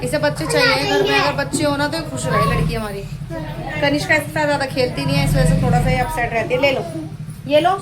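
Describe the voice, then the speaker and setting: A woman's voice: high-pitched, fast talker, very noisy. A woman chatting casually in a family vlog, talking to viewers and coaxing the children around her. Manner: chatty, scolds and coaxes children. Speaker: vlogger. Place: family home, indoors and rooftop.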